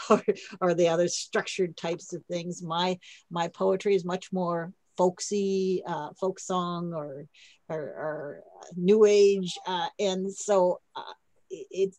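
Low-voiced woman poet, chatty workshop talk. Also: a little mellow, dry recording, low-quality recording. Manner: chatty, thinking aloud with many restarts. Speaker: poet leading a writing workshop. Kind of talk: casual teaching talk.

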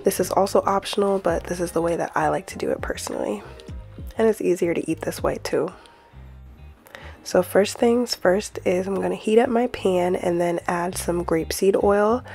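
A woman's voice: lowish voice, moderate pace, vocal fry, darkish tone, faint music behind. A woman hosting her own cooking channel, talking through a recipe in a friendly, easygoing voice-over.

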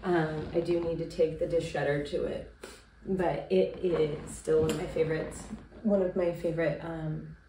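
Hosting her knitting podcast while sick and congested, a woman in her thirties talks casually to a distant camera in a small room at home, her voice sitting low at normal speed. She rambles easily, saying um and like often. The recording has a roomy, far-off camera sound with background noise.

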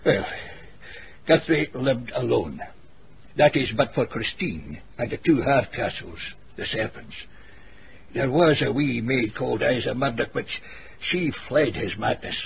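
In a radio drama, a male actor plays an older, venerable and learned Scottish cobbler, spinning gossipy tales in wordy, formal, dialect-rich speech with a pedantic storytelling manner. His mid-range voice is expressive and creaky, his pace measured, and the broadcast sounds muffled with background hiss.

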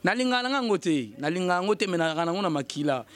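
A man's voice: high voice, big pitch swings, fairly quick. A man giving emphatic commentary, repeating phrases and chanting fillers. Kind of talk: animated commentary mixing Lingala and French.

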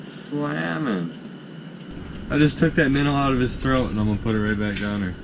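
A young man with an Upper Midwest American accent, talking casually and excitedly as he ice fishes outdoors at night. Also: medium pitch, normal speed. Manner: excited, exclaiming over catches. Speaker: fishing vlogger. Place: frozen lake outdoors at night. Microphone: action camera on the ice. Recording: outdoor camera with steady background noise.

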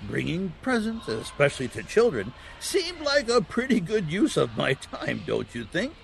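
Kindly old Santa voiced by a man, storybook saint for family audio drama; gravelly, higher-set, swooping delivery. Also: wildly swooping pitch, moderate pace, a little hiss or hum, heavily acted. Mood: gently explaining. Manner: gentle, explanatory, storytelling.

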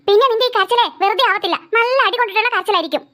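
A voice actor delivers a scolding, nagging performance as a strict cartoon mom telling her daughter off and turning down every purchase on a trip. The very high voice comes out rapid-fire, bright and forceful.

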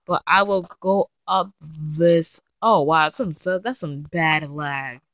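Bright-voiced woman narrating her gameplay. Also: sits low, slow, no room sound. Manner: chatty and excitable, easily frightened, talks to viewers. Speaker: let's play gamer. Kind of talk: casual gameplay commentary.

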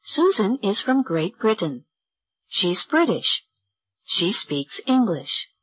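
A woman reading sentences for a school English textbook recording in a slow, lilting way. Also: mid-range voice, big pitch swings, breathy edge, no echo. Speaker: textbook audio reader.

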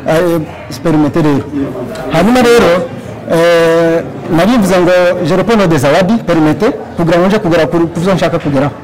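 A young man from Congo giving a campaign speech for a youth post, halting, with many fillers and restarts, at a stand mic in a large hall. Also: fairly high pitch, a little mellow. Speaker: candidate for youth leadership. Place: large plain hall, indoors.

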